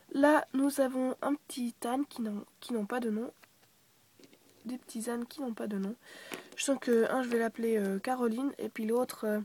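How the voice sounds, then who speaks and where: A young girl walks through her toy ranch in a casual show-and-tell. Her voice sits a little high and breathy. She stumbles over names, corrects herself often and drops into whispered asides. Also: darkish tone. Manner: hesitant, many fillers and self-corrections. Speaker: toy collector showing a model ranch.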